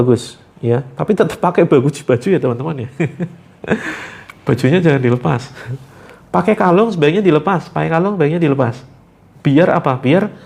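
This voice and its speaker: A man hosting a live spiritual therapy session, giving gentle instructions with light jokes. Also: mid-range voice, gravelly.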